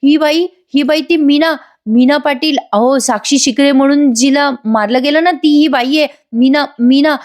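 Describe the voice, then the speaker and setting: A frightened young woman in a high, strained voice, stammering and pleading over and over, as a female narrator acts her out. She sounds close to tears and cannot calm down. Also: moderate pace, natural voice. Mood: panicked crying. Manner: stammering, pleading, repeating herself.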